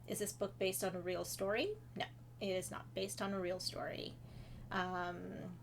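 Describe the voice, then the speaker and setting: A woman from Trinidad and Tobago, a children's author, talks casually from her home office as she takes questions from kids. Her voice sits at medium pitch, and the recording carries a little hiss or hum. She's chatty, with fillers and friendly, warm asides to her young audience.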